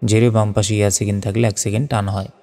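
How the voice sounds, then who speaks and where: Male Quran reading teacher, methodical, chants verses slowly; low warm voice, long-reverb recording. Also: little pitch movement, creaky. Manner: patient, methodical, drawn-out chanted recitation of verses. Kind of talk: spelling out and reciting Arabic letter by letter.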